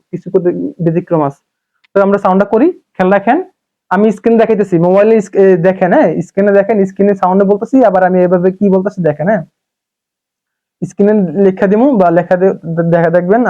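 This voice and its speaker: A high-pitched man teaches a casual lesson, drilling syllables twice over. The sound is thin and tinny, like a phone line. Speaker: Japanese teacher.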